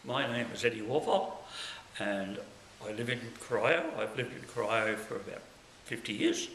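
An older man in his sixties with a gravelly, earthy voice introduces himself plainly and earnestly. The room rings around him and a faint hiss sits under the recording. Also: medium pitch, normal speed, reverberant. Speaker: community centre member. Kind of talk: short on-camera introduction. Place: indoor room, plain wall.

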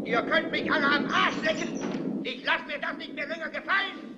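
An actor playing a weary, furious news anchor who lectures his viewers on air and whips them into shouting, in a dubbed film drama. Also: on the high side, expressive, fast talker, highs cut off, very noisy. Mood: ranting, rousing. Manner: builds from grim brooding to hoarse shouted commands. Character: weary middle-aged male TV anchor, furious and rousing.

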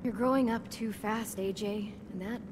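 A woman playing a worried teenage girl guardian in a video game, soft and grave. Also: mid-range voice, steady tone, normal speed, background noise, close to an everyday voice. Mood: tender worry. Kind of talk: dramatic video game acting.

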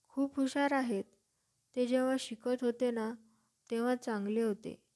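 A woman doing a big, loud, good-natured giant. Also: fairly high pitch. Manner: loud, homely and plain-spoken. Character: huge gruff kindly male gamekeeper.

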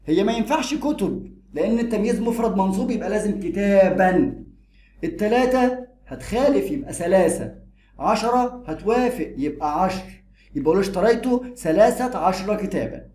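Egyptian male grammar teacher, brisk and high-pitched, drills rules, echoey room. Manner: lively, repeats and drills rules. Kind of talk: explanatory grammar lesson.

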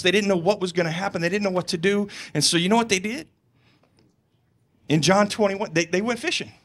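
Animated high-voiced male pastor. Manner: animated, conversational storytelling with humor. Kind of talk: sermon.

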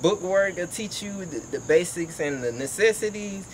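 Recording outside by a house, a young man from Georgia who is an HVAC technician and vlogger offers casual motivational talk. His high-pitched voice has lively intonation and a moderate pace, and he speaks emphatically in slang. The low-quality audio has a little hiss or hum.

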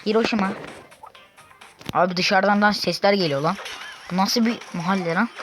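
A woman doing casual gameplay commentary from her room, excitable and cursing at teammates. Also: medium pitch, moderate pace. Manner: excitable, swears and shouts at teammates. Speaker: gaming YouTuber. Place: own room at home. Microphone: faulty desk microphone. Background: loud game music.

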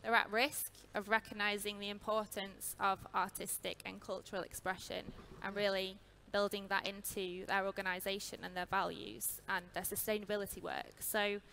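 A woman with a bright, clear voice speaks as a panelist on a large stage. Her talk is fluent and measured, picked up by a headset mic with faint noise around. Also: medium pitch, flat delivery. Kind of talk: panel discussion.

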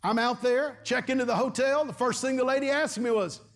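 Man, middle-aged, very high voice, pastor preaching, calls for amens. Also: a little fast. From Texas. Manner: call-and-response preaching, repeating phrases and asking for amens. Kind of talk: sermon. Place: large church stage before a congregation.

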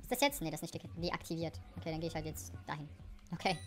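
A woman giving let's play commentary on a game, excitable, shrieking at danger, then dropping to low mutters, with English phrases sprinkled in. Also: quick pace, soft background music. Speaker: gaming YouTuber.

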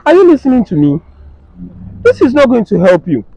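A man's voice: extremely high pitch, huge pitch swings, fairly quick, mellow, no room sound, full character voice, low-quality recording. A man in his thirties with a Nigerian, West African accent playing a sensible bystander giving emphatic advice in a comedy skit. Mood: firm, advising. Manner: emphatic, advising, repetitive. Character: sensible bystander counselling a jealous husband. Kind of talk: naturalistic comedy skit acting. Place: outdoors on a street.

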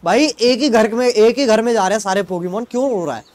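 Young male streamer, high voice, playful teasing gamer banter. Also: fast talker, a little mellow. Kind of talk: casual gaming chat.

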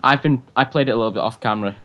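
A man's voice: mid-range voice, very fast, lo-fi sound. A man hosting a gaming video, giving casual commentary and chatting with another player over voice chat. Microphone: voice chat call while gaming.

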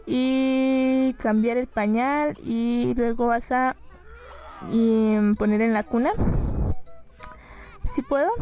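Chatty woman with a fairly high voice. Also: darkish tone, rough recording. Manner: chatty, exasperated, often laughing at the game. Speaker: gaming YouTuber. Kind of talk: casual let's-play commentary.

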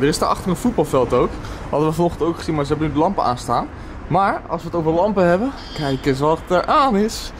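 A man in his twenties with a Netherlands Dutch accent, chatting casually to his vlog camera in an informal way, repeating short phrases. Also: a little high. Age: 20s. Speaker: vlogger. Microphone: handheld camera at arm's length. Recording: clear background noise, traffic ambience.

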